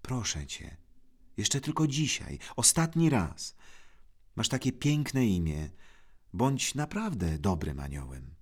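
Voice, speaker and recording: A man reading aloud, voicing a worried middle-aged mother who pleads softly with her sons. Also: on the low side, big pitch swings, slow pace, slightly rough, full character voice. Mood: pleading.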